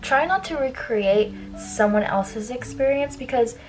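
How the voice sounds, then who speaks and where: A woman's voice: high-pitched, expressive, a little slow, music in the background, poor audio. A young adult woman chatting informally through a get-ready-with-me makeup vlog, giving advice with frequent filler "like" and trailing asides. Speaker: beauty vlogger giving college advice. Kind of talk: casual get-ready-with-me chit chat while doing makeup.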